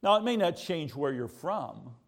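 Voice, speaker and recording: Speaking at a moderate pace with a sing-song lilt and some vocal fry, this American man preaches a sermon on the high side of the pitch range. He keeps it conversational, asking rhetorical questions and driving points home through repetition.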